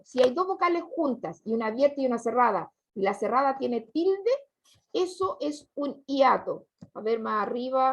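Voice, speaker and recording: High-pitched gravelly teacher. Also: female voice. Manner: patient, questioning, repeats answers. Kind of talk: online class lesson. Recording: dull lo-fi recording.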